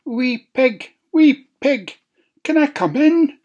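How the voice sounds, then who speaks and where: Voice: high voice, animated, slow, a little mellow, dull audio, pitched above the performer's own voice. A narrator voicing a sly, hungry old grey wolf in a Scottish storybook tale, in a wheedling sing-song. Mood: coaxing. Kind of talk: storybook reading.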